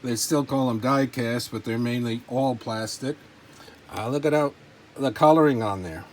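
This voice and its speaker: The collector talks at normal speed in a mid-range voice while presenting his models and memorabilia. It's an unscripted, casual show-and-tell delivered in an informal, rambling, enthusiastic way, and background noise is clearly present.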